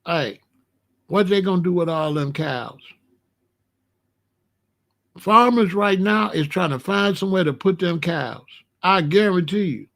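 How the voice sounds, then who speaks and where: In a high-pitched, creaky and fairly bright voice, a middle-aged or older American video host warns livestream viewers about the weather. He keeps it casual and colloquial, stressing points by repeating phrases emphatically.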